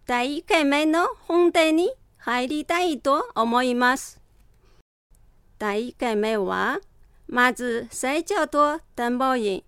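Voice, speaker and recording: High, bright-voiced woman teaching slowly. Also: no room sound, studio quality. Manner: careful, deliberate demonstration of sounds. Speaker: Chinese language instructor. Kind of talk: slow scripted language lesson.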